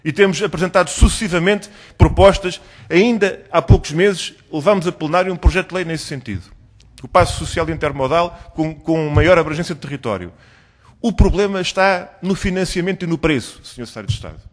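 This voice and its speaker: A man's voice: on the high side, brisk. A man from Portugal with a European Portuguese accent, a member of parliament pressing a minister with insistent, rhetorical questions at a hearing.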